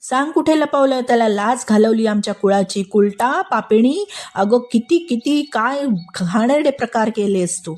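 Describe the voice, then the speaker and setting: A woman voicing an enraged royal man who shouts accusations and insults in a told story. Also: on the high side, animated, normal speed. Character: furious jealous royal man with a sword.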